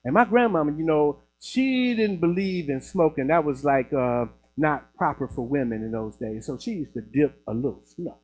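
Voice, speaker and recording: A man from Chicago who is a minister, giving an animated, conversational sermon in a church. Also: a little high, moderate pace, hardly any pauses, a little hiss or hum, rough recording. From Chicago, USA. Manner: animated, conversational preaching with laughs. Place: church building.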